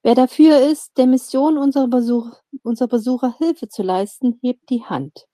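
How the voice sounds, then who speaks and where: A woman reading the lines of a female dwarf council leader in an audiobook, in a brisk, raised voice. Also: a little high, mellow, no echo, pitched above the performer's own voice, lightly acted. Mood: earnest.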